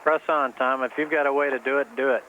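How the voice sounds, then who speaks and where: A man working as a mission control communicator, giving measured, procedural calls over astronaut radio. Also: mid-range voice, steady tone. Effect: space-to-ground radio. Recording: muffled noisy space-to-ground radio.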